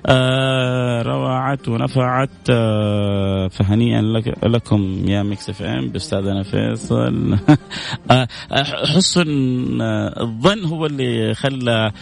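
A man's voice: medium pitch, unhurried, creaky. A man hosting a call-in radio show, reading listener messages and answering with devout blessings. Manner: warm, devout, reads out messages and answers them with prayers. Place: radio studio. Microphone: studio microphone.

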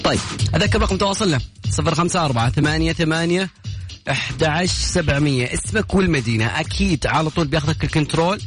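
A man hosting a radio call-in quiz, teasing callers in a rapid, playful way. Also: a little high, expressive. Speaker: radio quiz show host. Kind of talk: lively call-in radio banter. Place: radio studio. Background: background music bed.

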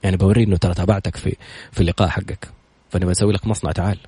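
A man with a Saudi accent telling stories in a motivational talk, retelling what others said with quick, animated delivery. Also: low-pitched, slightly rough, no room sound. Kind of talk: motivational storytelling monologue.

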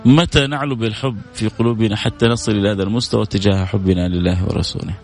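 A man's voice: fairly low pitch, fairly even intonation, quick pace. A middle-aged man preaching a sermon with fervor, repeating exclamations with rising emotion.

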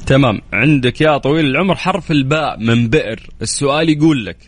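A man's voice: mid-range voice, no echo. A young man with a Saudi accent hosting a radio quiz call-in show, teasing callers playfully. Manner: teasing, playful, counts down quickly.

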